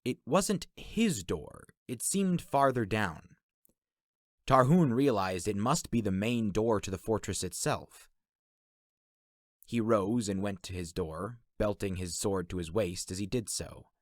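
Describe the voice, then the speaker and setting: A man narrating a fantasy adventure story in an expressive storybook style. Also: lowish voice, unhurried, dry recording, clean studio sound. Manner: expressive, voices all characters.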